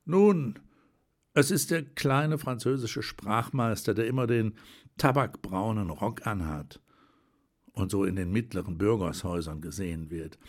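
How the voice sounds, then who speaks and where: A man voicing a calm, reflective old man. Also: lowish voice. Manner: measured, thoughtful speech. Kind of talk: audiobook character voice.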